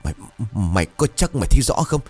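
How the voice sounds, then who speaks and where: A man's voice: lowish voice, sing-song, fairly quick, a little mellow, breathy edge, soft background music. Man doing a panicky stammering old landlord. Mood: panicked. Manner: stammering, barking orders. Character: terrified old male landlord, harsh and panicky.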